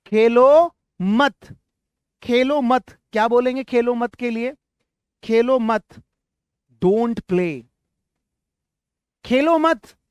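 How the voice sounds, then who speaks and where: High-voiced Indian man drilling English words. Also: clean tone, no echo, clean studio sound. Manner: calls out words loudly for students to repeat; encouraging, asks the class questions. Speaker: spoken English teacher. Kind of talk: online English lesson with drills.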